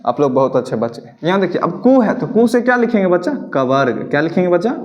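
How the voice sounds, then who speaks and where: A man with a fairly high-pitched voice teaches a classroom grammar lesson. He poses each question, repeats it and answers it himself in a steady call-and-response rhythm. He slows down to dictate definitions for the class to copy. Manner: slow, dictating pace for note-taking. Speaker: Sanskrit teacher.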